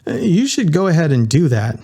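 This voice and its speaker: Man voicing an awkward punk dog fellow, hesitant, higher voice, gravelly. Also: sing-song, brisk, dark tone, full character voice. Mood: flustered. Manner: hesitant, fumbling for words. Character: awkward punk canine man, young adult.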